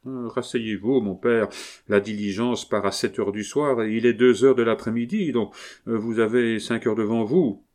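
A man's voice: fairly low pitch, normal speed, a little mellow, natural voice. A man reading aloud voices an emotional young man, a remorseful son who speaks to his father in a fervent, pleading way.

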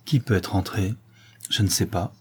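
A man's voice: sits low, moderate pace, darkish tone, husky. A man voicing a frightened, tearful old woman nurse in an audiobook, pleading and stammering. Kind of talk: audiobook character reading.

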